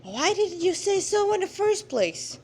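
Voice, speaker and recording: A woman voicing a bold, quick-witted teenage girl in a story she reads aloud. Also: very high voice, big pitch swings, a little mellow, voice pushed up, heavily acted. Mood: exasperated.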